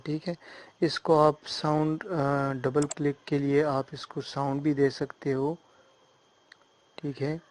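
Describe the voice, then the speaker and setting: Man calmly walking through a software tutorial. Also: mid-range voice. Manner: step-by-step explaining, often checks in with the listener; hesitant fillers and restarts while working on screen. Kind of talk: screen-recorded software tutorial.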